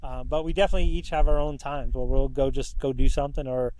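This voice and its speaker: A man's voice: mid-range voice, steady tone, fast, warm tone, poor audio. A middle-aged man telling stories casually and frankly as a podcast guest, self-deprecating and mildly profane. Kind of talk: casual, candid storytelling.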